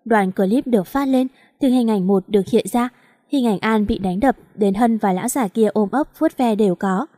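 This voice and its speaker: A woman narrating a romance novel with steady, dramatic storytelling. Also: fairly high pitch, moderate pace, no echo, clean studio sound.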